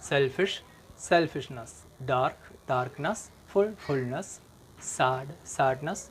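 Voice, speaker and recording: A teacher giving an English grammar lesson, repeating English example sentences slowly and dotting the talk with okay and hmm. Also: mid-range voice, a little hiss or hum.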